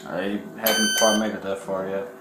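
A man, a police officer speaking calmly and firmly during an arrest. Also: sits low, normal speed. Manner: calm, firm and repetitive. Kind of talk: arrest procedure. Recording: echoey room with background noise.

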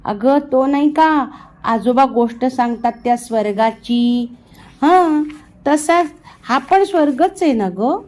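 Woman voicing storybook little boy, innocent and eager, pitched high. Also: takes it slowly, a little mellow. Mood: excited. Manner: eager, wondering questions.

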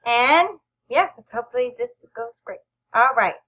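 Teen girl host, high and lively voice, teasing, giggly, reads questions off a sheet. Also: normal speed. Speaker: channel host. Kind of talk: casual best friend tag video.

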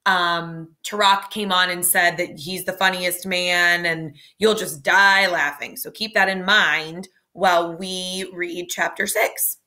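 A woman reading a children's chapter book aloud, with lively, light character voices. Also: on the low side, slow pace, few pauses. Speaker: storybook reader.

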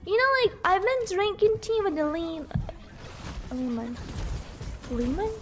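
A woman with a very high voice chats with her viewers over a game stream, her pitch leaping about, and she giggles a lot. She is sick with a cough and yelps during fights. Clear background noise sits under her voice. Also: big pitch swings, measured pace, a bit bright. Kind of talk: casual gaming stream chat.

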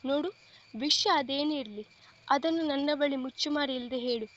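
A woman voicing a caring young man who plays a protective elder brother, speaking gently and reassuringly, in a storybook reading. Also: sits high, normal speed, highs cut off, slight background noise, lightly acted.

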